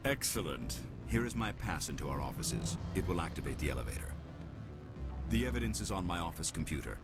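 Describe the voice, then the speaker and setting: A man's voice: deep voice, sing-song, brisk. An actor playing a suave, formal alien male executive in a video game, speaking politely with dry, formal diction. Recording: game audio with loud music behind.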